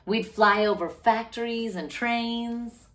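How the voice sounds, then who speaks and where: A woman with a slightly high voice reads a children's picture book aloud in a storyteller's style. Her phrasing is animated and deliberate, and she draws out her words.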